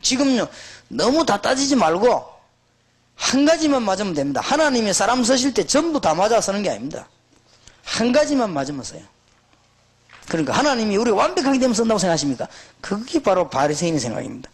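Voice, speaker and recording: A middle-aged man preaching with a high, husky voice. His pitch swings widely as he exhorts and tells stories with emphasis. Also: brisk. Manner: emphatic, exhorting, animated storytelling. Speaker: pastor. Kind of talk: sermon.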